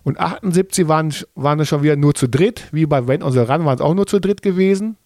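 A man's voice: a little high, fast, a little mellow, no room sound, clean studio sound. A middle-aged man co-hosting a podcast with his son, rambling in casual chat and searching for details as he goes. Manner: rambling, searching for facts as he talks. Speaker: podcast co-host, father of the host.

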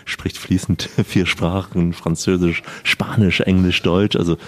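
A man's voice: low-pitched, little pitch movement, measured pace. A man interviewing a hotel employee for radio in a friendly, conversational way.

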